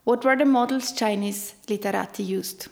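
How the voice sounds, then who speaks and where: A woman conducting an academic interview, putting questions in measured, formal phrasing. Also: medium pitch, vocal fry, darkish tone.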